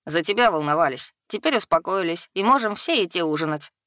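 A woman's voice: lowish voice, brisk, no room sound, studio quality. A woman doing a chatty young dragon boy. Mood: excited. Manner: talkative, excited. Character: chatty, restless young male dragon student.

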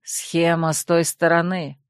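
A man's voice: a little high, moderate pace, dry recording, lightly acted. A woman reading an audiobook, voicing a clever, teasing young male fox shifter with a dry, mocking drawl. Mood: musing.

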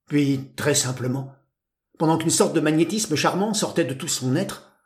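A man reads a classic short story aloud in a measured, literary manner. His voice sits in the middle range and carries a roomy echo. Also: on the high side. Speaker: narrator. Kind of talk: audiobook narration of a classic tale.

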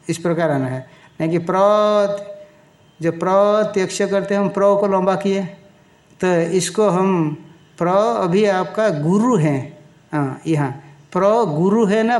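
A man teaching a Sanskrit scripture in a slow, deliberate lecture, chanting verses and pausing to explain their pronunciation and meaning. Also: high-pitched, a little mellow. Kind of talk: Sanskrit text lecture in Hindi.

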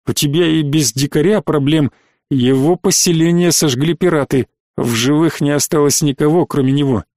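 A man's voice: on the high side, normal speed, darkish tone, dry recording, studio quality, natural voice. A man voicing an indignant, worried woman starship captain who grumbles and reproaches, for an audiobook.

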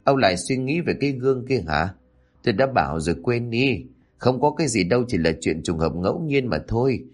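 A man voicing an older village wife who fusses and scolds her husband in a quick, chiding way, over faint music. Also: mid-range voice, animated, natural voice. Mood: worried. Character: older village wife, brisk, fussing, exasperated.

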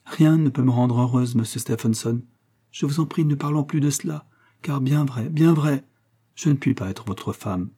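A man voicing a distressed, tearful young woman who speaks firmly and pleads, in a husky dark voice. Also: medium pitch, moderate pace, voice pushed up, close to an everyday voice. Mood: distressed pleading. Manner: pleading, emotional.

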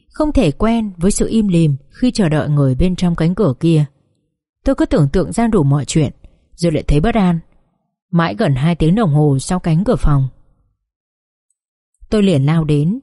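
A woman's voice: on the low side, dark tone, no room sound. A woman narrating a dramatized audiobook in an emotive first-person storytelling manner, on a close studio mic.

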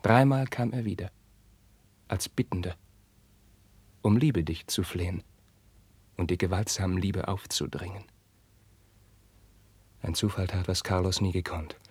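An actor playing an anguished young prince, declaiming verse in a 1950s radio drama and swinging from hushed whispers to outbursts. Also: male voice, sits low, measured pace, pauses often, slightly rough, dry recording, exaggerated voice. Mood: brooding. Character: young anguished prince, passionate, tormented by forbidden love.

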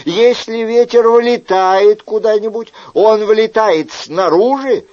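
A man reading an audiobook, voicing a sarcastic, quick-witted man who mocks with ironic reasoning. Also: sits high, darkish tone, lo-fi sound, pitched above the performer's own voice. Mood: indignant, mocking.

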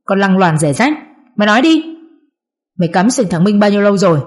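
A woman's voice: medium pitch, expressive, fast talker, close to an everyday voice. A woman voicing a spiteful middle-aged mother-in-law who wails and hurls abuse, in an audiobook drama reading. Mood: abusive. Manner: wailing, abusive shouting.

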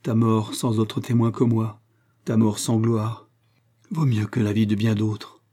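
A determined polar explorer captain, read by a man, proud and emphatic in his delivery. His voice sits low and dark with a husky grain. This is an audiobook reading of an adventure novel. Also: little pitch movement, a little slow. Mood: grieving. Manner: emphatic, exultant cries.

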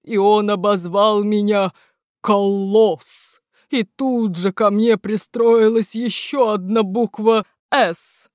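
A woman's voice: mid-range voice, fairly even intonation, a little mellow, no echo, clean studio sound, close to an everyday voice. Woman doing a huge weeping storybook statue. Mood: lamenting. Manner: tearful, sobbing, drawn-out. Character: huge tearful male statue, phlegmatic.

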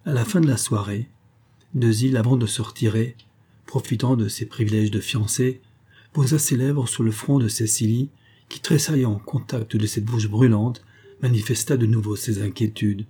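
A man reading a nineteenth-century crime novella aloud in a steady, measured way. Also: mid-range voice, slightly rough. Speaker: audiobook narrator.

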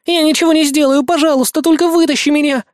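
A terrified little girl of about twelve, as a man puts her on, crying out in a shrill, panicky voice that jumps high above a normal speaking pitch. It is audiobook storytelling with a dry, close sound. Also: brisk, a little mellow, dry recording. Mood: panicked pleading.

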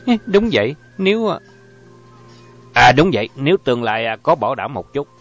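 A man's voice: mid-range voice, very animated, normal speed, fairly bright tone, pitched above the performer's own voice. A man reading an audiobook voices a blunt, proud doctor, raising his voice a little. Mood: guarded. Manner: blunt, defensive. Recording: dull lo-fi audio, faint music.

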